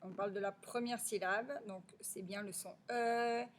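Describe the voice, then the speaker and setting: A woman's voice: medium pitch, steady tone. A woman teaching a phonics review to young children. She stretches out the words and drops to a near whisper on the answers. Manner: slow, stretched-out sounding of syllables.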